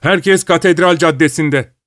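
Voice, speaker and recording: Storybook role: man doing a loud, frantic legless man, bitter and accusing, voice pushed higher than his own. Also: brisk, clear, resonant tone, no room sound, studio quality, lightly acted. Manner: shouting, accusing. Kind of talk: audiobook character voice.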